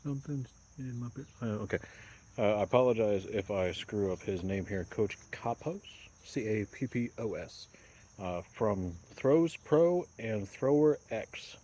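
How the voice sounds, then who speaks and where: A man in his thirties giving a casual, halting how-to vlog outdoors in a backyard, often pausing and correcting himself. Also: on the low side, animated, warm tone. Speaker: javelin repairer presenting a video. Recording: clear outdoor noise, insects and ambience.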